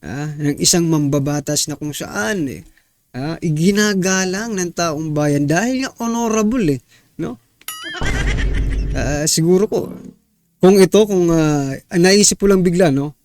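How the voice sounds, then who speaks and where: A fairly high-pitched man reacts to the news for his viewers in a loose, conversational way. He sounds exasperated and indignant, and he keeps throwing rhetorical questions back at his audience. A faint hiss sits under his voice. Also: animated, a little slow, pauses often, a little mellow. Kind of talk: casual news commentary.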